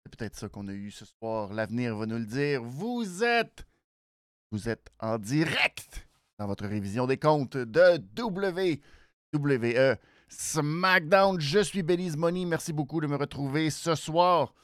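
A host with a nasal voice and a Quebec French accent gives a casual show recap, halting and repeating words for emphasis. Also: medium pitch, dry recording, studio quality. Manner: animated, hesitant, halting phrases with repeats for emphasis. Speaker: wrestling show review host.

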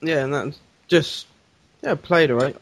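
Laid-back man, slightly higher voice. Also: measured pace, no echo. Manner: laid-back, hesitant with ums. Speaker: podcast guest. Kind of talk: casual chat about video games.

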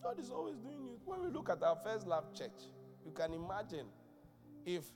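Here the preaching man sounds high-pitched, his pitch swinging widely at an ordinary speed. He is a bishop giving a live church sermon with keyboard music underneath, talking casually and quizzing his listeners.

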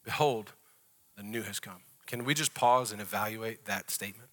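A man from the American South with a Southern accent, preaching a conversational sermon in a church and rising to loud, drawn-out prayer. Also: on the low side. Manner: drawn-out, emphatic phrasing in the closing prayer. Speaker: pastor. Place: church hall.

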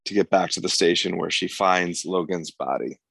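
A man's voice: deep voice, moderate pace, creaky, a bit bright, slight background noise. A man co-hosting a podcast, recapping the plot of a TV episode in long, casual runs and laughing easily. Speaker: podcast co-host.

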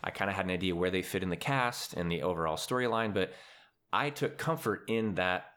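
A man's voice: sits low, brisk, a bit bright, smooth. A man who acts in community theater, sharing earnest, reflective thoughts in a casual podcast chat.

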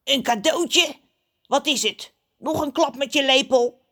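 Lady voicing a cranky crow, snappy and jumpy, pitched up high. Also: measured pace, sharp tone. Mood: suspicious. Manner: snappy and suspicious. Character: grumpy male crow, sharp-tongued and nervy.

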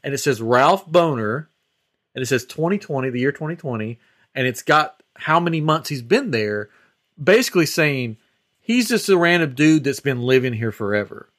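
A podcast host with a medium-pitched, slightly bright voice speaks animatedly at a moderate pace. In casual banter he retells things with energy, acting out little quotes and sound effects.

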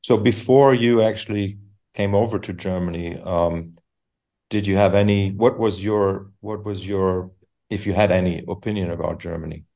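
A man hosting a podcast interview, relaxed and conversational, nudging his guest along with short acknowledgements. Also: low voice, moderate pace, vocal fry. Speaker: podcast host. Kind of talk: casual interview.

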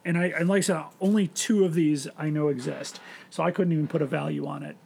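Gravelly, husky man hosting a podcast. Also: fairly high pitch, steady tone, fast, a little mellow. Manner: rambling, hesitant, many restarts. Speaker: podcast host. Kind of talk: casual podcast chat.

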